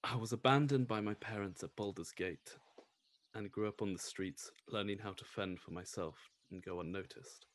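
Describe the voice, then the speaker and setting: A breathy, hushed air genasi thief with a low voice tells his own backstory in a tabletop game, as a man puts him on. The tone is soft and airy, measured and secretive. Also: close to an everyday voice. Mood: steady. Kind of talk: in-character backstory reading.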